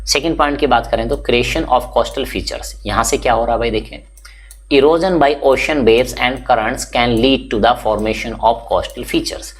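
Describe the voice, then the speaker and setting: A male teacher going through a textbook chapter, slowly reading each English line and then explaining it in quick, chatty Hindi. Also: medium pitch. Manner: chatty teaching with frequent "bhai" and check-ins.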